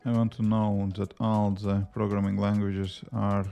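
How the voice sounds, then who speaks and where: Speaking with a Latvian accent, this native Latvian app developer chats loosely on his live coding stream, answering viewers' questions between tasks, rambling and leaning heavily on fillers. The delivery is flat and measured, his low voice creaky and warm, while faint music sits behind him.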